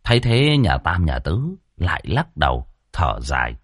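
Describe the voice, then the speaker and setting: Guy telling a ghost story, husky voice, pitch all over the place, dry close sound. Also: sing-song, moderate pace, no room sound. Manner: colloquial, vivid, swinging delivery. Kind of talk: folksy ghost story narration.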